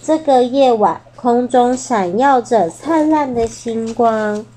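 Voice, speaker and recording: Slow, high-voiced woman reading a picture book. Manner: gentle, expressive. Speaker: storyteller.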